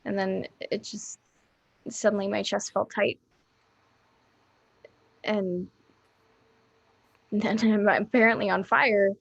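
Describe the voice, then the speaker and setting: A woman's voice: medium pitch, fairly even intonation, takes it slowly, creaky, long pauses, husky, dry recording, heavily acted. A woman voicing a confused young woman just out of a cocoon, who trails off mid-word. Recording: dull lo-fi mic.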